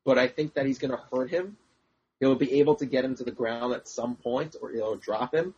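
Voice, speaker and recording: Panelist: husky man, blunt, swears freely, muffled lo-fi mic. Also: mid-range voice, fairly quick. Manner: blunt, profane, animated. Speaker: podcast panelist. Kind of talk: casual fight-prediction chat.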